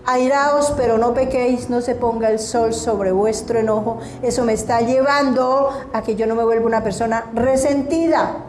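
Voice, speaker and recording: A woman's voice: fairly high pitch, steady tone, moderate pace, few pauses, darkish tone, reverberant, a little hiss or hum. A woman preacher giving an emphatic sermon and asking her congregation questions. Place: church hall.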